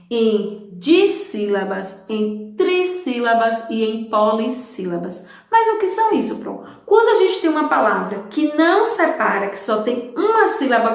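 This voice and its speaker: A woman teaching a recorded lesson to young children, patient and sing-song, spelling out syllables and answering her own questions. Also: fairly high pitch. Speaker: primary school teacher. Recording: very echoey room.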